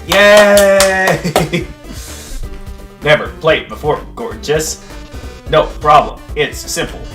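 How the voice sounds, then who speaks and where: Guy doing a metallic robot game-show host, flashy, slow and kinda high, music going behind. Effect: put-on robotic, metallic voice. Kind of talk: reading game dialogue aloud.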